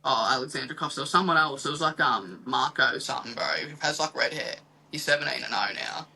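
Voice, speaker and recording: A man's voice: mid-range voice, brisk, gravelly, pushed and bright, breathy edge, poor audio. A young man with an Australian accent chatting casually about sport in a slangy, loosely rambling way. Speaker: fight prediction podcast co-host.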